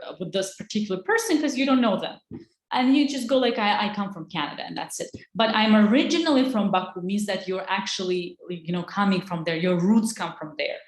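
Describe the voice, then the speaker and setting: A woman's voice: mid-range voice, animated, fairly quick, echoey room. A woman, teaching an online English lesson in an encouraging way. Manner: encouraging, switches between English and Azerbaijani.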